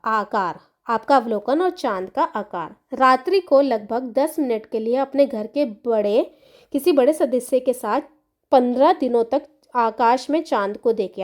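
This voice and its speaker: A woman teacher patiently explaining a textbook chapter to young children, repeating key words and checking they follow. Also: fairly high pitch.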